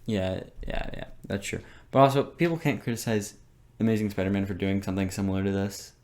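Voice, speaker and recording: A young man co-hosting a casual podcast, quick and joking with a sarcastic streak. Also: lowish voice, steady tone, darkish tone. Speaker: podcast co-host. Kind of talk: casual chat.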